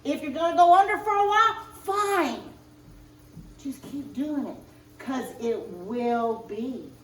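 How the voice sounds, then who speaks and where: Woman minister, sermon, slow deliberate affirmations, high voice, echoey church heard from a distance. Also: fairly bright tone. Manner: slow, emphatic spiritual affirmations. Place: church sanctuary. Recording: roomy distant church recording.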